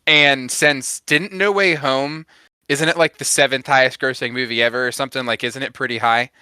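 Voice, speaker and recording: A man's voice: mid-range voice, fairly even intonation, moderate pace, pushed and bright, clear, resonant tone, no room sound, studio quality. A man co-hosting a podcast, giving feedback in casual chat and often hedging and correcting himself agreeably.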